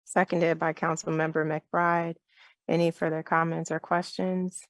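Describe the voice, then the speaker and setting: A woman chairs a town council meeting over a video call, speaking with a low, level voice that barely rises or falls. Her delivery is measured and polite, running through motions and votes step by step. The sound is close and dry, with no room around it. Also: little pitch movement, no room sound.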